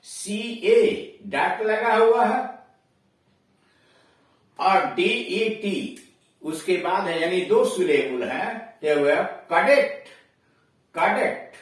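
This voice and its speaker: A man with a Hindi accent, teaching English pronunciation slowly in a classroom lesson, repeating each word as he explains it. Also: on the high side. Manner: slow, explanatory, repeats words for drilling. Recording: echoey room, voice far from mic.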